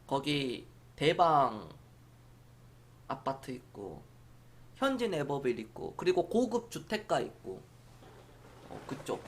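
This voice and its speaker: Rambling on a stock-market live stream, this middle-aged man from South Korea's Jeolla province reads out and responds to viewers' comments in a casual way. His mid-range voice is very animated yet slow, with long pauses.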